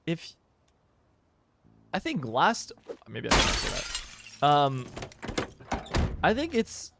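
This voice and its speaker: Heavy background noise surrounds this man's slightly high, vocal-fried voice, which swoops wildly in pitch as he takes his time. Streaming a game, he chats with viewers, gets excited about found items, and pokes fun at chat.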